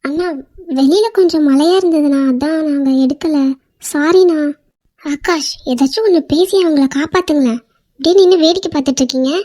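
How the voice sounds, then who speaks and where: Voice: high-pitched, a little fast, dark tone, dry recording, natural voice. A voice actor doing a timid young cartoon woman. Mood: pleading. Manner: meek, pleading apologies. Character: young female staff member, timid and apologetic. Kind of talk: Tamil animated short voice acting.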